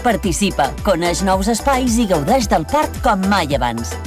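A woman's voice: medium pitch, sing-song, measured pace, over music. Upbeat woman reading a radio advert. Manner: upbeat, inviting. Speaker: advertisement voice-over. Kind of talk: scripted advert read.

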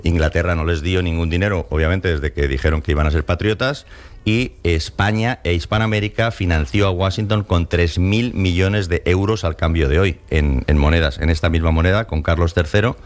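Male author guest, very low voice, animated talker who mimics quoted people. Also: a little fast. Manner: frequent restarts and fillers. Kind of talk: conversational interview.

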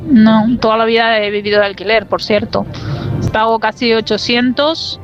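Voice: medium pitch, steady tone, moderate pace, lo-fi sound, over music. A listener, leaving an exasperated, emphatic recorded message to a radio show. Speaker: radio caller.

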